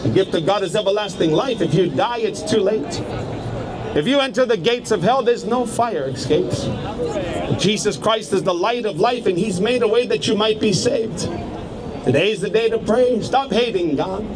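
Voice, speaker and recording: A man's voice: sits high, moderate pace, a crowd in the background. A man preaching outdoors on a city street, urging listeners with repeated calls and hallelujahs. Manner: urgent, repetitive exhortation with hallelujahs. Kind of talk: open-air street preaching. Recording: loud street noise. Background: traffic and street noise.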